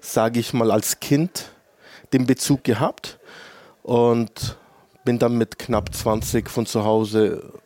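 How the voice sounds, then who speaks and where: An earnest chef in his late thirties from the Allgäu talks about his path in a reflective way, pausing often on fillers. His pitch is middle for a man. The recording is close and dry. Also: steady tone, warm tone, no room sound. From Germany (Allgäu). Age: late 30s. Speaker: two-star chef, guest. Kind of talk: casual interview.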